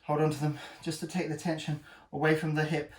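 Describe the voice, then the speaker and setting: A man's voice: a little high, little pitch movement, brisk, reverberant, far from the mic. A man working as a personal trainer, talking viewers through an ab workout while exercising himself, encouraging and joking, short of breath between sets.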